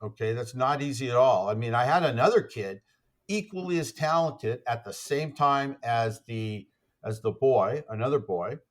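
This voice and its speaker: Speaking at a moderate pace in a mid-range voice, this male athletics coach rambles through conversational stories as a podcast guest, with frequent fillers and restarts.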